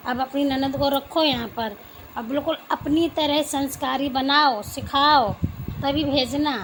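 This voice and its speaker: A woman's voice: high-pitched, steady tone, unhurried, slight background noise, rough recording. A woman voicing a blunt son-in-law who complains about his wife, in a homemade family skit. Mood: complaining.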